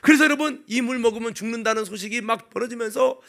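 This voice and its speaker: A male pastor with a very high, gravelly voice talks fast as he delivers a sermon as animated storytelling. He swings from loud exclamations to hushed asides and keeps firing rhetorical questions at the congregation.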